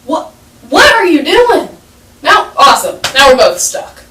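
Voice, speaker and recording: A man's voice: extremely high pitch, animated, normal speed, bright, forceful tone, echoey room, far from the mic, a little hiss or hum, pitched above the performer's own voice, full character voice. A teenage girl voicing a young man stuck in a hole, pleading and frustrated. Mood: exasperated.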